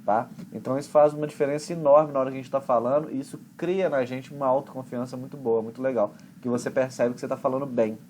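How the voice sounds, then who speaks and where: A man with a Brazilian accent, an English teacher explaining pronunciation in a chatty, relaxed way with homely examples. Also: mid-range voice, quick pace, few pauses, slight background noise. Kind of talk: conversation class explanation.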